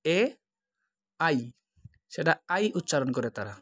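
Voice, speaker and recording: A man's voice: fairly high pitch, moderate pace, no room sound. Patient man teaching letter sounds. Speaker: language teacher. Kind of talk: tutorial explanation.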